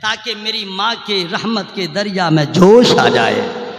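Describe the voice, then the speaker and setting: A man preaching a sermon, swinging between loud chanted shouting and quiet conversational asides, sometimes singing Arabic verses. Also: sits high, takes it slowly, slight background noise. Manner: chants Quranic Arabic in a sung tone. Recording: echoey hall with long reverb.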